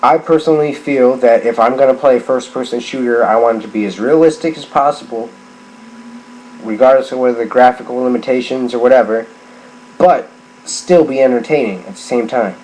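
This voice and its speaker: A drunk middle-aged man on a rambling, casual gaming rant, halting and repeating himself as he circles back on phrases. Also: medium pitch, a little mellow. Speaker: gaming vlogger. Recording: clearly noisy background ambience.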